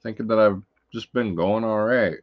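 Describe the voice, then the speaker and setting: A man hosts a casual film-talk livestream, rambling along with swearing and many fillers. His voice sits on the low side, and the audio is dull and lo-fi. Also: normal speed. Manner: rambling and profane, full of fillers. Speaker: livestream host. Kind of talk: casual livestream chat about films.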